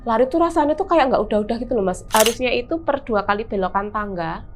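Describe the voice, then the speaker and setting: A woman with a Javanese accent, a guest telling her own horror experience in casual chat, animated and vivid with lots of fillers. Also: a little high, fast talker, slight background noise. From Semarang, Central Java, Indonesia.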